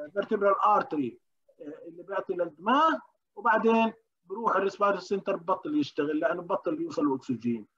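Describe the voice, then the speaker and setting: Guy teaching med students, quick talker, keeps asking the class stuff, kinda muffled lo-fi sound. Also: high-pitched, a bit bright. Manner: questions the class, frequent hesitations. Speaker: medical lecturer. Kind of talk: interactive university lecture. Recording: dull lo-fi recording.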